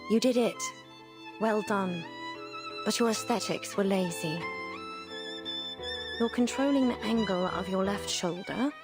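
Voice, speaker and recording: An actress with an Irish accent playing a proud, sharp-tongued former female champion in a game, teasing and haughty. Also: medium pitch, measured pace, pauses often, close to an everyday voice. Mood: critical. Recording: game audio with music behind.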